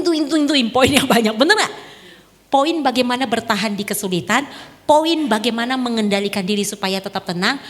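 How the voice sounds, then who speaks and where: A woman giving a lively storytelling talk to an audience, laughing often and acting out the voices in her story. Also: a little high. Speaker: dharma talk speaker. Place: temple hall. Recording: reverberant hall.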